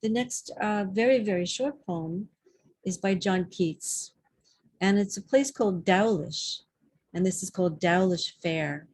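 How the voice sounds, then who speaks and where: A woman giving a poetry reading at a public library, reciting in a measured, deliberate way. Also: mid-range voice, a little mellow, dry recording. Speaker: poetry reader.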